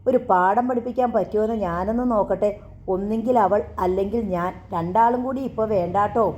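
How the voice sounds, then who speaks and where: A woman's voice: medium pitch, brisk, warm tone, close to an everyday voice. A woman voicing a jealous, childlike young wife who is volatile and tearful, pleading and wailing her accusations, in a storybook reading. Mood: accusing.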